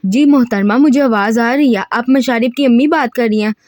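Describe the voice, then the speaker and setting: A woman's voice: a little high, a little mellow, no echo, clean studio sound, lightly acted. A woman voicing a stern, polite middle-aged male professor in an audiobook reading of a novel. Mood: formal. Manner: polite, formal, measured.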